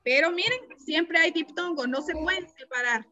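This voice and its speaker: A woman teacher gives an online lesson to a class through a computer mic on a video call, patiently explaining and asking students questions. Her voice is extremely high, pushed and bright, at normal speed, with the highs cut off.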